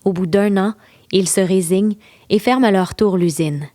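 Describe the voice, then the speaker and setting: Hosting and narrating a history walking tour podcast, a woman with a Québécois French accent speaks at medium pitch and moderate pace. She's playful and enthusiastic as a tour guide, tossing teasing asides to her listeners.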